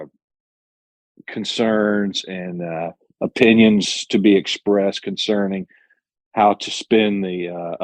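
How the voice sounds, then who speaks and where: This interview guest is a man who owns and drives his own truck. He responds earnestly and plainly, frequently starting over and fixing what he says. His voice sits low and a little mellow, captured in a dry recording.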